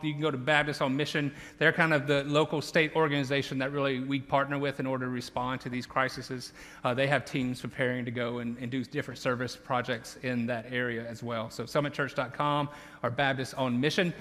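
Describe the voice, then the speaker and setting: This Louisiana man in his thirties, with a Southern accent, preaches a sermon as a campus pastor, earnest and conversational and often restarting his sentences. His voice is mid-range with a fairly bright tone. He's in a large church auditorium, and the recording carries the long reverb of that big hall.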